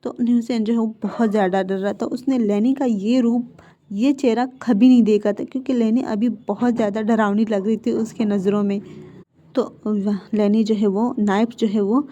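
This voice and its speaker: A woman's voice: fairly high pitch, fairly even intonation, moderate pace, warm tone, highs cut off. A woman casually retelling a fan fiction story, narrating with frequent fillers.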